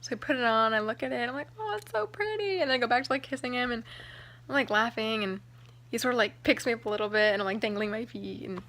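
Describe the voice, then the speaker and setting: A young woman vlogger telling a personal story to camera in a chatty, excited way, full of "like" and "um". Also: fairly high pitch, fast talker, a little hiss or hum. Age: young adult. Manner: chatty, excited, heavy use of "like" and "um".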